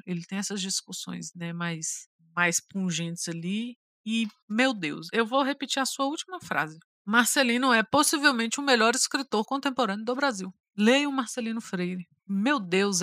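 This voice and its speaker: Enthusiastic Brazilian woman, bright voice. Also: medium pitch, no room sound, clean studio sound. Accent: Brazilian Portuguese. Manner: enthusiastic, emphatic, repeats phrases. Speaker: podcast co-host. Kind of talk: casual book chat.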